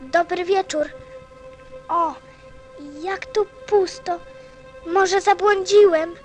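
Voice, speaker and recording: A woman's voice: very high-pitched, fairly even intonation, slow. A woman playing a lonely, curious, innocent little boy prince in a radio play. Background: faint music.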